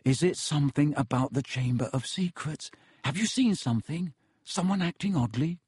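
A man voicing an earnest boy wizard who speaks quietly and urgently. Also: on the high side, expressive, normal speed, breathy edge, dry recording, clean studio sound. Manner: hushed and urgent.

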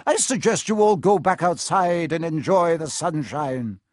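Man playing a strict older woman professor, high-pitched, clipped, imperious, swooping intonation, dry storybook sound. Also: lively intonation, unhurried, no room sound. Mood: firm, curt. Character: strict, brisk older female professor, coldly formal.

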